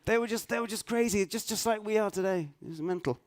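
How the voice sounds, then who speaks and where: A middle-aged man, raised in Norway, speaking at a conference, halting and self-deprecating, full of restarts and fillers. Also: sits high, no echo. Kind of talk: hesitant conference talk. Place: conference hall stage.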